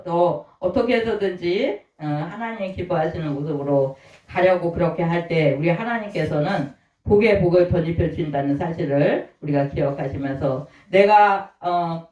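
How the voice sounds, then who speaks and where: A man's voice: high-pitched, a little mellow. A man preaching a sermon as pastor, often putting rhetorical questions to the congregation. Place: church sanctuary. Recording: roomy, distant, dull-sounding church recording.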